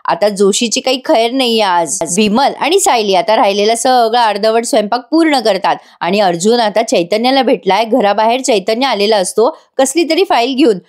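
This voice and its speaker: A woman's voice: a little high, expressive, normal speed, hardly any pauses. A woman reviewing a TV serial in voice-over, retelling the episode in a chatty way and speaking straight to her viewers. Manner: chatty, addresses viewers directly.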